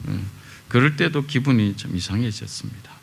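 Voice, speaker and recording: A middle-aged pastor preaching a sermon in a relaxed storytelling way, pausing often with small fillers. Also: male voice, medium pitch, creaky. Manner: conversational storytelling with many pauses and fillers. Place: church sanctuary.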